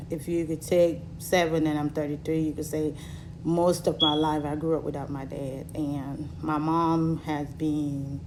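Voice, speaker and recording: A woman in her thirties from Cameroon, telling her own story to her viewers in a halting way with many fillers, while recovering from surgery. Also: deep voice, background noise. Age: 30s. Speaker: vlogger.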